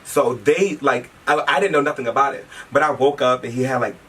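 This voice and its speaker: A man telling a personal story in casual chat, animated and quick to laugh, swearing freely. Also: medium pitch, breathy edge. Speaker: interviewee telling a shared story. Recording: distant mic with faint background noise.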